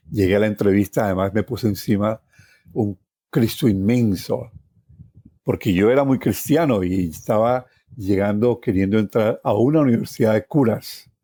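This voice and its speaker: The speaker is a storytelling guest journalist, a Colombian man in his sixties with a lowish, mellow voice, recorded at studio quality with no room sound. Over plucked guitar music, he tells a personal story in Colombian-accented Spanish, repeating phrases for emphasis and adding tag questions.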